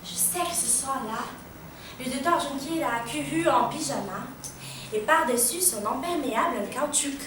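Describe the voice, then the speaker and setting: A woman's voice: normal speed, lightly acted. A woman playing a frightened, feverish teenage girl. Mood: dreamy. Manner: swings between hushed murmurs and shrill cries. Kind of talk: stage monologue. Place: theater stage. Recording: echoey hall from far off, faint noise.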